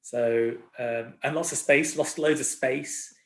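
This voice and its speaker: A man's voice: medium pitch, fairly even intonation, takes it slowly. A man in his forties, a record label owner, chatting casually as a guest in a laid-back, rambling, self-deprecating way. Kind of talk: casual chat. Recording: roomy echo.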